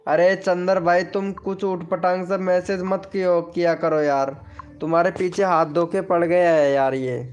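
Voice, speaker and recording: A man's fairly high, darkish voice comes from a casual live stream he hosts, where he chats with viewers and reads their names and comments. He has a Hindi accent, promotes channels, and there's faint music in the background.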